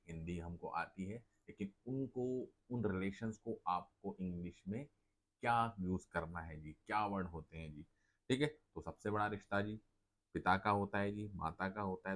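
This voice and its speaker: Very low-voiced man teaching English words. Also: fairly bright tone. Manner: repeats the questions and tags lines with "जी" and "ठीक है"; asks a question, then answers it himself. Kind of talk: Hindi-Urdu vocabulary lesson.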